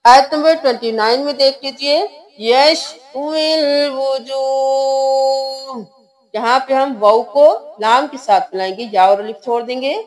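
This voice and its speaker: A woman's voice: fairly high pitch, moderate pace, few pauses. A woman teaching Quran recitation, spelling out letters and vowel marks one by one and then chanting the words.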